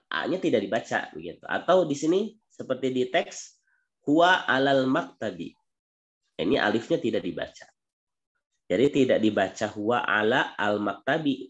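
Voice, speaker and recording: Male teacher, patient explainer, online class, muffled audio. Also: fairly low pitch. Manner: patient explaining, repeats examples. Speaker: Arabic teacher.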